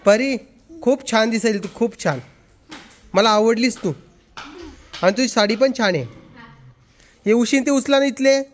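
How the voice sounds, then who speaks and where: A man's voice: very high voice, measured pace, long pauses, slight background noise. A man hosting a casual family vlog, chatting with relatives and teasing the children in a playful, talkative way. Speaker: family vlogger.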